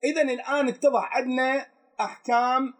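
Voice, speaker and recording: High-voiced husky Iraqi man teaching. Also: fairly even intonation, fairly quick. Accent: Iraqi Arabic. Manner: asks questions of his students and answers them himself. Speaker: religious teacher. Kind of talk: religious jurisprudence lesson.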